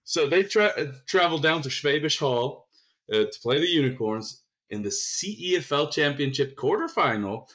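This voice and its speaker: A man hosting a casual sports podcast, chatty and quick to laugh, sometimes tripping over his words. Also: fairly high pitch, animated, a bit bright. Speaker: podcast host.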